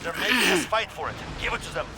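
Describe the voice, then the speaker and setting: A man's voice: sits high, lively intonation, quick pace, vocal fry, heavy background noise. A man voicing a stern, confident military announcer in a video game, giving terse commands. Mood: stern, resolute. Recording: game audio under loud gunfire.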